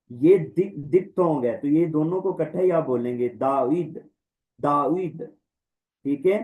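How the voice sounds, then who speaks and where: A man teaching a Greek language class online, repeating each word slowly and carefully for the students. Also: a little high, darkish tone, rough recording. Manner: slow, drawn-out word-by-word pronunciation drills. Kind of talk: online lecture. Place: online class, voice over slides.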